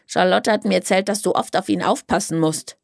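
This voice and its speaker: A woman reading a storybook voices a stern, gruff elderly grandmother who scolds sharply. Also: mid-range voice, brisk, no room sound, studio quality. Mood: softening. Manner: curt, scolding.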